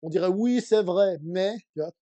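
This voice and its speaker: Male co-host, fairly high yet mellow voice, dry close sound, joking casual football chat. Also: moderate pace, dry recording. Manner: chatty, joking, many fillers. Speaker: podcast co-host.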